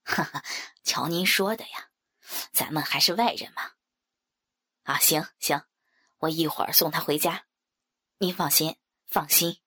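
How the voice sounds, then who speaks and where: A woman's voice: low voice, a little slow, pauses often, sharp tone, slightly rough, voice pushed down, full character voice. A woman voicing a jovial middle-aged man who fawns and coaxes with a chuckle. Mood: coaxing. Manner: chuckling, coaxing, eager to please.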